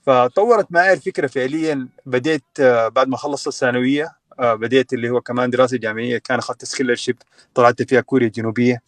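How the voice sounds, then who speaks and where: A man's voice: mid-range voice, steady tone, rapid-fire, no room sound. A young man from Sudan telling his story as a guest in a casual online chat, with many fillers and restarts. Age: young adult.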